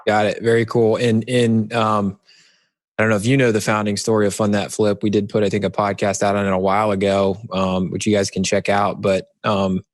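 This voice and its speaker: A man's voice: on the low side, flat delivery, a little fast, no echo. A man hosting an interview podcast, chatting casually and friendly with plenty of fillers and restarts. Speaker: podcast host, company founder.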